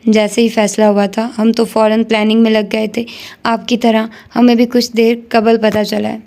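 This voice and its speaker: A woman's voice: fairly high pitch, level tone, darkish tone, natural voice. A woman voicing a playful young woman who teases her brother. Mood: teasing. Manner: teasing.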